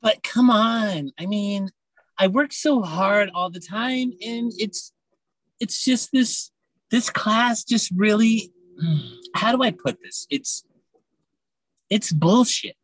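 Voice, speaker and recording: Teen cheerleader, played by a woman: sulky, sarcastic, unhurried, dry studio sound, comic audio drama. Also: medium pitch, animated, no echo, poor audio. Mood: whiny, exasperated. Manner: hesitant then sarcastic, drawn-out. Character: snarky, sulky teenage cheerleader girl. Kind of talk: comedic radio-play acting.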